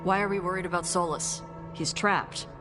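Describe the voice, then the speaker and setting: A woman's voice: on the low side, steady tone, moderate pace, music in the background, lightly acted. An actress playing a practical female adventurer leading her team in a video game. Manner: practical, direct. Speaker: player character and team leader.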